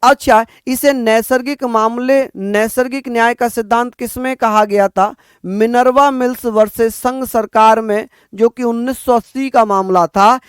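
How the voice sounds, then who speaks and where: A man from northern India teaching an exam-prep lecture, repeating points slowly for students to write down. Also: very high-pitched, steady tone, clear, resonant tone, no echo, studio quality. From Uttar Pradesh, India. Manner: addresses students as bhaiya, repeats points for dictation.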